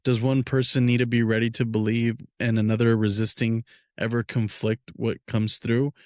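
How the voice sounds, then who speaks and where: A man's voice: medium pitch, flat delivery, moderate pace, a little mellow, no echo, studio quality. A man hosting a podcast interview, asking questions in a hesitant way with frequent restarts. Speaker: podcast host.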